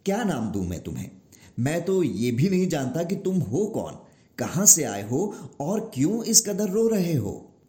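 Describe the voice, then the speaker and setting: A man's voice: on the high side, big pitch swings, a little slow, mellow, roomy sound. A man playing a weary old creator god who pleads and grows exasperated, in a storybook telling. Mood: pleading. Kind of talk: storybook narration.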